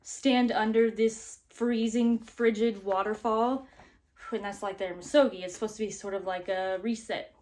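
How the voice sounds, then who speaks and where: A woman's voice: mid-range voice, steady tone, normal speed, darkish tone. Chatty, upbeat woman vlogger. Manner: chatty, upbeat, many fillers and "like". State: out of breath. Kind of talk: casual chat to camera.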